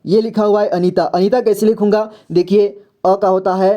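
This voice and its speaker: A man with a Hindi accent teaching a slow, step-by-step spelling lesson and often checking in with the listener. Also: sits high, flat delivery, dark tone, highs cut off. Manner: slow and repetitive, often says "theek hai". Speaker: English reading teacher.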